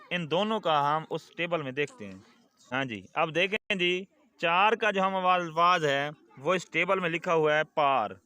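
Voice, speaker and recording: A patient male teacher walks young children through a recorded lesson. He speaks in a fairly high voice, repeating key words and asking little quiz questions. He then waits for the answers. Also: sharp tone.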